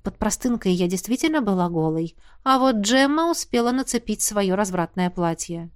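A woman's voice: medium pitch, lively intonation, moderate pace, clean tone. A woman narrating a romance fantasy audiobook. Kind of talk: scripted narration.

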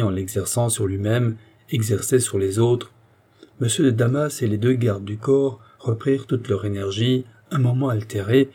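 Male audiobook reader, measured delivery, husky voice. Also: fairly low pitch, dark tone. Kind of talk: scripted narration.

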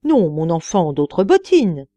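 A woman voicing an elderly gentleman who is fussy, obsessive and wheedling, speaking in a coaxing, repetitive way. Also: fairly low pitch, big pitch swings, slow, no room sound. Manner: coaxing, repetitive, rising to pleading.

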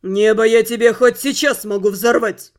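A woman's voice: fairly high pitch, steady tone, moderate pace, voice pushed down, close to an everyday voice. A woman voicing a haughty male fairy lord in an audiobook, speaking coldly, sarcastically and with contempt. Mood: menacing. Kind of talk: audiobook character voice.

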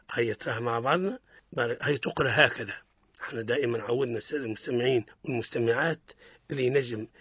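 A man with a Tunisian Arabic accent teaching the rules of Quran recitation on the radio, explaining each rule, quizzing his student and chanting verses slowly. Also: medium pitch, fairly bright tone, breathy edge, no room sound, dull audio.

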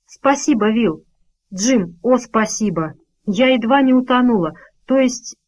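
A distraught elderly woman pleads in a breathless, shaken rush, as a woman narrator puts her on. Her voice climbs higher than the narration around it. It is an audiobook reading. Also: expressive, unhurried, darkish tone, poor audio. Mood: frantic pleading.

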